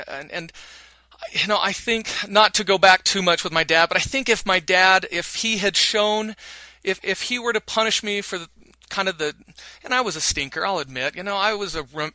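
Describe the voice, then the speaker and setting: A man's voice: high-pitched, sharp tone, dry recording. A middle-aged man from Utah, telling his own story in an interview, hesitant with many fillers and restarts. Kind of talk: reflective personal interview.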